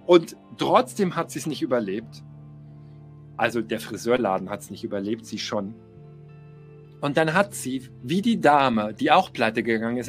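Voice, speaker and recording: A middle-aged man giving a motivational coaching talk, emphatic, repeating key phrases and speaking straight to the listener. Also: a little high. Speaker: life coach.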